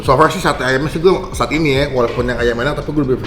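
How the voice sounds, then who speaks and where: Quick male food vlogger, mouth full. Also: medium pitch, fairly even intonation, background noise. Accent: Jakarta Indonesian. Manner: talking with mouth full while eating. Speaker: food vlog host. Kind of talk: casual food review chat. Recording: roomy echo with music behind.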